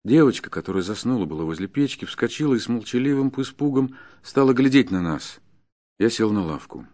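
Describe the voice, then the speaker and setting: A man reading a classic story aloud in a measured, even storytelling manner. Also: mid-range voice. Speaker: narrator. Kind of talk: scripted narration of a classic story.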